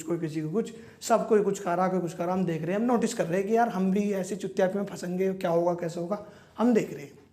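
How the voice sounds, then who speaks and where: A young male stand-up comedian tells stories, acting out dialogue and landing crude, slangy punchlines. His voice is high and mellow.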